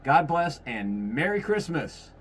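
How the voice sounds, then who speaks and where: A man's voice: fairly high pitch, big pitch swings, slow pace, slight background noise. A man in his fifties hosting a podcast in casual chat, rambling and correcting himself as he goes. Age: 50s. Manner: rambling, self-correcting, folksy. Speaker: podcast host.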